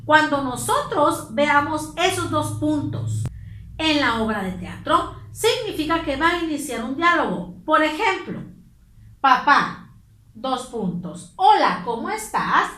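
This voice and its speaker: High, lively woman teacher. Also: a little slow, roomy sound. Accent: Mexican Spanish. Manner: clear, patient explaining to pupils. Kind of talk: online class lesson.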